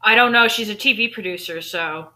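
A woman co-hosting a casual chat who adds quick, dry remarks. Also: mid-range voice, a crowd in the background. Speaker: podcast co-host.

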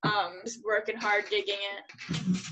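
A woman playing a tabletop game, describing actions in halting, casual chat. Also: mid-range voice, flat delivery, fairly bright tone, muffled recording. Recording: noisy tabletop recording with clicks.

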